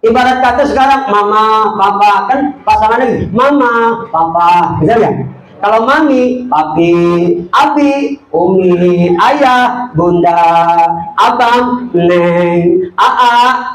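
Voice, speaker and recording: A man's voice: sits high, slow pace, long pauses, a bit bright, roomy sound, rough recording. An older man preaching a comic sermon, joking and teasing his audience between prayers. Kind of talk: comic sermon at a religious gathering. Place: live religious event, crowd gathering.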